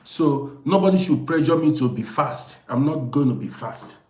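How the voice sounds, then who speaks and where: Slightly high and a little mellow, the voice is expressive and moderately paced. It belongs to a 58-year-old Vienna native who hosts and tells stories on an informal livestream, pressing his points to viewers and repeating phrases insistently. Room echo is audible.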